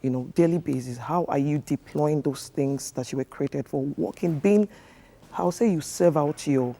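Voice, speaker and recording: A man's voice: fairly high pitch, normal speed, creaky, mellow. A man, a relationship coach giving earnest, instructive advice in a TV studio interview, with many fillers.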